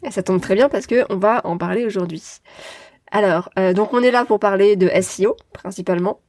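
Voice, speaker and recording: A woman's voice: medium pitch, fairly quick, a little mellow. A woman hosting a podcast interview, speaking in a friendly, explanatory way with light laughs. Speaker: podcast host.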